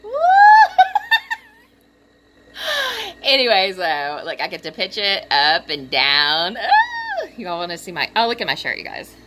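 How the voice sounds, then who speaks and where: A young woman vlogging from her room, gushing with excitement, giggling, squealing and filling her talk with "like" and "um". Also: fairly low pitch, brisk, hardly any pauses, heavy background noise. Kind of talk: excited unboxing vlog. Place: home room.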